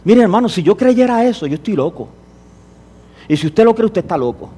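Male preacher, high-pitched, impassioned sermon delivery, builds to emphatic peaks. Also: animated, brisk, warm tone, breathy edge. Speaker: pastor.

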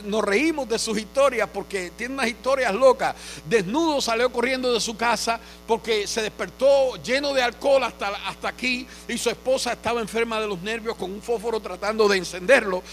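High-voiced preaching man, earnest. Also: moderate pace, a bit bright, soft background music. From Cuba. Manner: earnest storytelling preacher, rising to fervent proclamation. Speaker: pastor. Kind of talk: sermon.

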